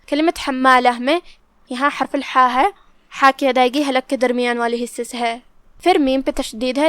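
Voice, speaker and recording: A woman's voice: sits high, clear, resonant tone, dry recording, clean studio sound. A woman teaching Quran recitation step by step, methodically explaining each pronunciation rule.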